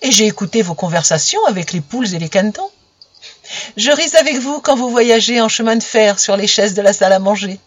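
Husky woman telling a bedtime story. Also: mid-range voice, expressive, fairly quick, no room sound, lo-fi sound. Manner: gentle, intimate address to children. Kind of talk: storybook narration for children.

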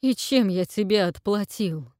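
A guilt-ridden young man bursts out in strained, hoarse cries and pleas, as a woman narrator puts him on. The storybook voice rises sharply above her usual reading. The sound is dry and close. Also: fairly low pitch, expressive, a little slow, warm tone, no echo. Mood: anguished. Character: desperate young man, anguished, tormented by guilt.

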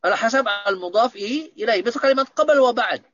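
A man's voice: extremely high pitch, lively intonation, fast talker, fairly bright tone, dull audio. A man teaching Arabic grammar in an online lesson, patiently explaining and checking that students understand.

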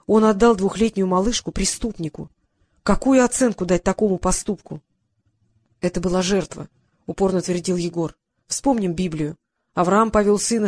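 A woman narrating a first-person detective audiobook in a lively, ironic storytelling manner. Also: medium pitch, no echo.

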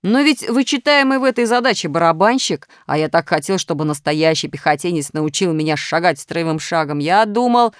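A woman's voice: fairly low pitch, animated, fairly quick, few pauses, clean tone, dry recording, clean studio sound, lightly acted. A woman voicing a mischievous, childish male minus sign who pleads and makes excuses in a storybook. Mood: excusing.

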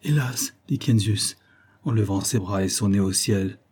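A man narrating a classic novel as an audiobook, measured and dramatic. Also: sits low, flat delivery, darkish tone, husky. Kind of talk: scripted literary narration.

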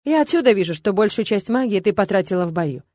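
A woman's voice: mid-range voice, expressive, fast, darkish tone, dry recording, lightly acted. A woman reading a skeptical, matter-of-fact male healer mage in an audiobook, with a dry close sound.

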